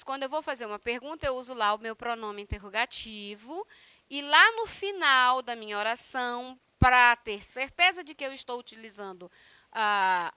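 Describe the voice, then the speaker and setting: A woman with a Brazilian Portuguese accent, teaching a recorded online Spanish class, slowly repeating each example and translating it. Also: sits high, pushed and bright, clean tone, dry recording.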